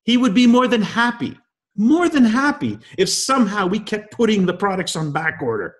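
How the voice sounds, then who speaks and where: A sing-song, high-sitting voice at an ordinary speed belongs to a man in his fifties. As guest host of a leadership call, he motivates listeners with a stream of emphatic rhetorical questions.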